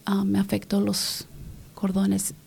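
Soft-spoken woman, gravelly and mellow. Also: mid-range voice, monotone, takes it slowly. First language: English. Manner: soft, often drops to a whisper. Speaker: interview guest. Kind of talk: personal faith testimony.

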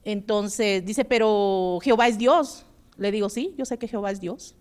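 A woman's voice: medium pitch, normal speed, darkish tone, clear, resonant tone. Woman recounting a story on radio. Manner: recounting a conversation, quoting back and forth. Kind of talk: telling a personal story on radio.

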